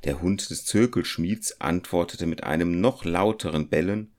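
A man narrating a story in a measured, even reading voice. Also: deep voice.

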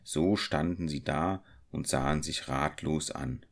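A man reading a classic tale aloud in a steady, measured storytelling voice. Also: a bass voice, vocal fry. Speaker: narrator.

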